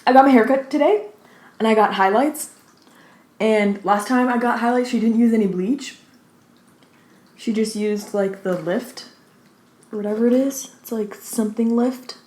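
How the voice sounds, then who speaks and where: A woman hosting a mukbang, chatting informally with lots of "like", pausing to take bites and chew, slightly out of breath. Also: a little high, darkish tone. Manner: informal, peppered with "like". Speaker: mukbang host. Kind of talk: casual chat while eating. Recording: roomy, echoey indoor sound.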